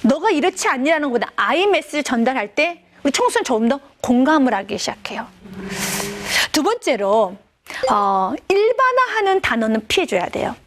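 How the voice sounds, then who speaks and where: A woman's voice: high-pitched, sing-song, normal speed. A woman pastor giving a televised lecture on parenting, addressing her audience expressively.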